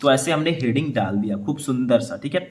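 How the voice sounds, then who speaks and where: A man teaching students how to write board exam answers, in a mid-pitched voice. He works through each step and keeps checking in with short confirmations. The recording has a noticeable echo, as if from a bare room. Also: animated. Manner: explains step by step, says "ठीक है" often; reads passages aloud slowly. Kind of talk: board exam writing lesson.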